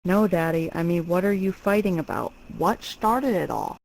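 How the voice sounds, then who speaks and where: A woman's voice: lowish voice, expressive, moderate pace, vocal fry, darkish tone, no room sound, poor audio. A woman playing the spoiled, whiny teenage daughter of a space emperor in a comedic audio drama. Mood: questioning.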